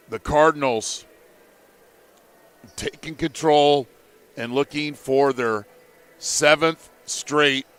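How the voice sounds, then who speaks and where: A man calling a live college basketball game play by play, in measured, steady calls. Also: fairly high pitch, smooth. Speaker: play-by-play commentator.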